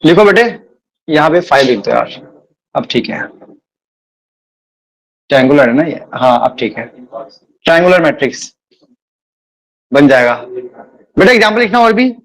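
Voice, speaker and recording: A man's voice: on the high side, animated, fairly bright tone. A man teaching a math class, repeating himself and calling the students beta. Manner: admits speaking fast. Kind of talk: live online class lecture.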